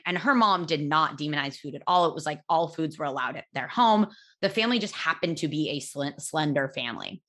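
A woman in her thirties hosts her own podcast, telling a personal story candidly and casually in a low, loud voice. She pauses on fillers and restarts her sentences as she goes.

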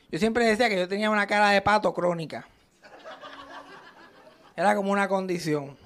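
A young man performing live stand-up comedy, telling crude stories and acting out the lines he quotes. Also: high voice. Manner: crude, animated storytelling with acted-out quotes. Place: comedy stage at a live show.

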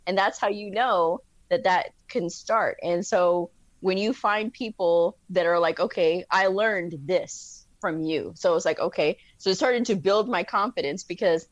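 A woman guest in a casual interview, telling lively stories, acting out quotes and laughing often. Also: on the low side, normal speed, dry recording, dull audio. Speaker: podcast guest.

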